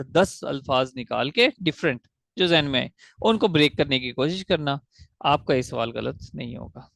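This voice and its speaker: A man teaching an online English grammar class, explaining step by step, slowly spelling out syllables and asking the class questions. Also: a little high, gravelly, fairly bright tone, dry recording.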